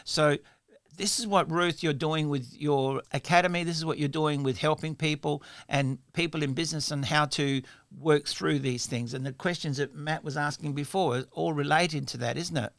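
A man's voice: fairly high pitch, fairly even intonation, normal speed, a bit bright, no room sound. A talk radio host with a slightly raised voice, chatting on in a loose, upbeat, rambling way. His voice is recorded close and dry, with no room sound behind it.

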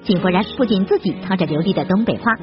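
Lively, quick female entertainment news narrator. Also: medium pitch. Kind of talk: scripted narration. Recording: slightly dull sound over loud music.

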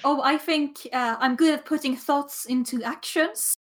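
A woman's voice: high-pitched, steady tone, a little slow. A woman playing an arrogant young male metal musician at a job interview, boastful and self-important. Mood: smug.

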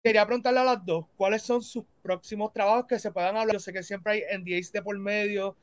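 An interview host asking questions and sharing views in a relaxed chat, thinking aloud with fillers and switching into English. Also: medium pitch, quick pace.

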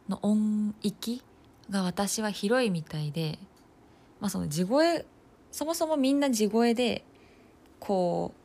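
A young woman in her twenties chatting casually on her own, thinking aloud as she goes, with plenty of fillers and the odd soft laugh. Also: mid-range voice. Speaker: nursing student podcaster. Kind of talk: casual solo talk.

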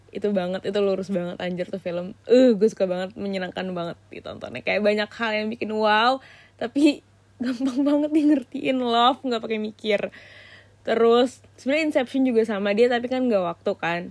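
A woman hosts her own podcast, gushing in quick slangy chat full of fillers. Her voice sits a little high. The recording is dry and close, with no room sound. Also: a little mellow, no echo. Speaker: podcast host. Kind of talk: casual solo podcast chat.

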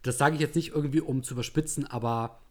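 A man in casual chat about perfumes, talking in a relaxed, reflective and slightly wry way. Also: medium pitch, fast. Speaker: perfume reviewer co-host.

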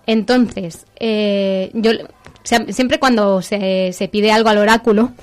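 A woman's voice: mid-range voice, steady tone, takes it slowly. A woman with a Castilian Spanish accent chatting casually as a segment host, enthusiastic and informal as she explains things step by step. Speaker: segment host presenting a book.

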